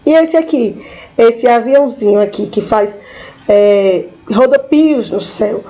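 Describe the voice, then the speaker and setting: A woman's voice: on the high side, animated, measured pace, mellow, highs cut off. A woman teaching a school lesson, patiently repeating each word for her pupils. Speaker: Spanish teacher.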